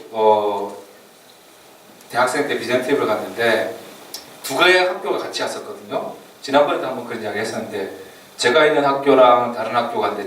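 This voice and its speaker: A man giving an informal orientation lecture to church youth before a mission trip, chatty and quick to laugh. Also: mid-range voice, fairly bright tone. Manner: chatty, laughs often, leans on fillers while explaining. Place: church meeting room or hall. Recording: echoey hall from far off, faint room noise.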